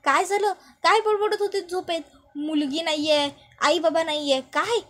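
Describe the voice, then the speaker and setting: A woman voicing a young husband who presses his wife with earnest questions, in a high voice. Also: a little fast, fairly bright tone. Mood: alarmed.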